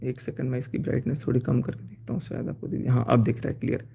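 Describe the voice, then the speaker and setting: A man's voice: mid-range voice, level tone, fast, creaky, dark tone, husky. A man on a phone live stream, reading out chat messages and telling his side with a sense of grievance. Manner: aggrieved, reads out chat messages. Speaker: YouTuber showing chats on a live stream.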